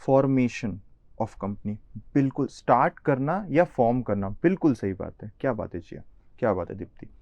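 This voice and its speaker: A man's voice: mid-range voice, expressive, moderate pace, darkish tone, dry recording. A young man with an Indian accent, teaching a live online lecture in a chatty way, talking straight to his students. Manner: chatty, addresses students directly, mixes English terms. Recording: slightly dull, lo-fi.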